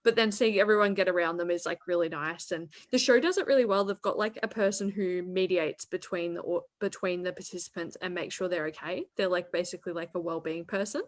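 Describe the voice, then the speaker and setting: A young woman, co-hosting a casual chat about relaxing media, bubbly and quick to laugh. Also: fairly low pitch. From Australia. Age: young adult. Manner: bubbly, laughs often, says "like" a lot. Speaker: co-host.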